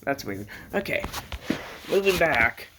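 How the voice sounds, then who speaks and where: Background noise runs through this homemade bedroom vlog, where a mid-pitched American hobbyist presents his radio collection in loose, unscripted chat. His slow, sing-song delivery wanders into side comments, and he keeps cracking jokes.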